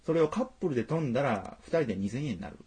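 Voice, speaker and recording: A man's voice: mid-range voice, expressive, very fast, a little mellow, husky. A man with a Tosa accent chatting casually as a podcast co-host, joking and laughing often, with playfully formal asides. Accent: Tosa (Kochi) Japanese. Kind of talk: casual chat.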